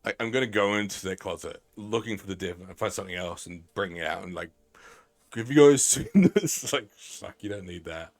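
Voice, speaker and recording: Deep-voiced, rambling, profane male streamer. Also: fairly even intonation, fast talker, hardly any pauses, a bit bright. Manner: rambling, profane, self-mocking. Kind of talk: casual live-stream commentary.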